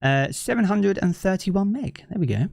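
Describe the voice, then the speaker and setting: With a high, expressive voice that's creaky and a little mellow at a normal speed, a game streamer from southeast England speaks in a local accent. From his living room he casually chats with his live-stream audience, reads chat aloud, and thinks aloud with many fillers. A streaming mic with effects gives a dry, studio-quality recording.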